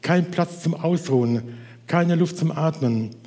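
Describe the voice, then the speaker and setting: A man voicing a frantic woman rushing to clean her house for a visitor, with shrill, breathless exclamations. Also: mellow, close to an everyday voice. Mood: appalled. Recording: long hall reverb.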